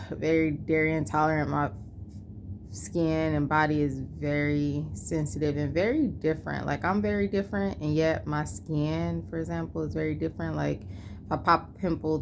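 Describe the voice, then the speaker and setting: A woman's voice: low voice, measured pace, gravelly, background noise. A tired woman in her twenties talking candidly in a personal vlog, rambling and losing her train of thought. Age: 20s. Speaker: vlogger.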